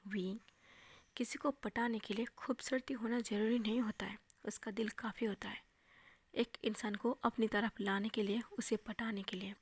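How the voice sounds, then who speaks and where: A woman voicing a cold, scornful young man who taunts the one he secretly loves, speaking softly in a half-whisper. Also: medium pitch, fairly even intonation, moderate pace, breathy edge, no echo, close to an everyday voice.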